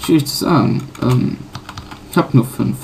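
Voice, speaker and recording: A man casually commenting on his own playthrough, pausing often with fillers and correcting himself. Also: mid-range voice, creaky, darkish tone, a little hiss or hum. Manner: halting, many fillers and self-corrections. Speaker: let's player.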